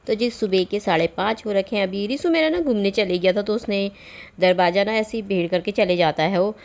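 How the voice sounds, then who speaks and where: A woman's voice: medium pitch, a little fast. A middle-aged woman talking through her morning chores in a chatty, rambling home vlog, often laughing as she speaks. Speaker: vlogger. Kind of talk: casual daily-life vlog narration.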